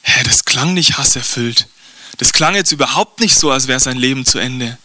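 A man voicing a frightened, bitter young prince on the run, speaking low and subdued. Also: normal speed, bright, forceful tone, no echo. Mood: bewildered, humble. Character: frightened, bitter young male royal fugitive.

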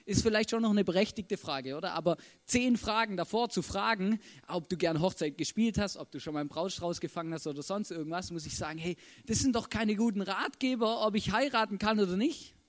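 A man's voice: high-pitched, fairly quick, hardly any pauses. A man preaching a casual sermon, chatty and often checking in with the audience. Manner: chatty, keeps asking "oder?".

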